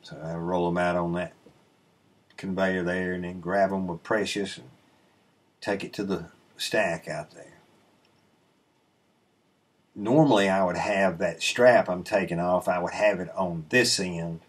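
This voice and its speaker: Narrating his sawmill footage in a casual voice-over, a middle-aged host speaks in a low, husky voice, easygoing and meandering. He walks through each step plainly, padding pauses with "um" and "uh." The audio comes from a webcam mic at his desk, in an indoor room separate from the sawmill.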